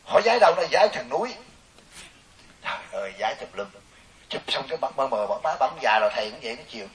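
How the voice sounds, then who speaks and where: A man's voice: mid-range voice, fast. A man, a Buddhist monk giving a joking, storytelling dharma talk to lay listeners. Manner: animated, joking, storytelling with quoted voices. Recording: hissy distant recording.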